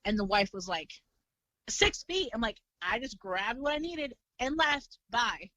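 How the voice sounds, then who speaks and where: A woman's voice: a little high, unhurried, dry recording, low-quality recording. Chatty young woman guest, dry sound. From California. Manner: animated, chatty, filler-heavy. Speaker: podcast guest. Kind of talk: casual chat.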